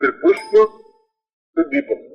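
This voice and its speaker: Faint music sits behind a man's slightly slow, slightly mellow voice on an old, worn, lo-fi 1980s cassette with a dull sound. As a spiritual teacher, he explains a ritual step by step in plain, methodical terms and repeats things to emphasize them.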